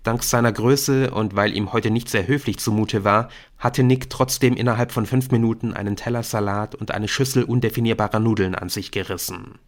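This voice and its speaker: A man reading a novel aloud in steady, scripted narration. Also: lowish voice, a little fast, few pauses. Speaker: audiobook narrator.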